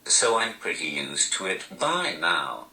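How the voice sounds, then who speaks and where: Typed interview answers come out through a text-to-speech device in a posh, robotic voice, pitched very low but ranging widely. The speaker is a male stand-up comedian from Newcastle, England, whose slow, deadpan delivery carries dry self-mockery, heard bright and hard in an echoing room.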